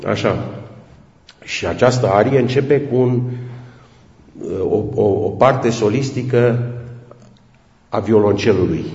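A man with a low voice tells a wandering, chatty story to an audience and turns to his listeners often. He is recorded in a large hall with long, roomy reverb. The sound is dull and lo-fi. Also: mellow. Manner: digressive, chatty, addresses listeners directly. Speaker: speaker addressing an audience. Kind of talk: informal storytelling lecture.

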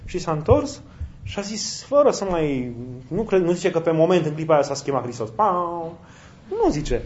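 A man delivers a sermon in a loose, conversational way. He asks his listeners rhetorical questions and acts out short quoted lines. His voice sits a little high, and the recording is dull and lo-fi. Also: sing-song, a little mellow. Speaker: preacher.

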